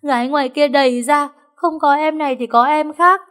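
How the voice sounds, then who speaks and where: A clingy, melodramatic young maid, as a woman puts her on wails in a high, quick voice. Every line of this storybook servant girl sounds overwrought. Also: expressive, darkish tone. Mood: wailing. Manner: wailing, high and fast. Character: frantic young maid Sen, clingy and dramatic.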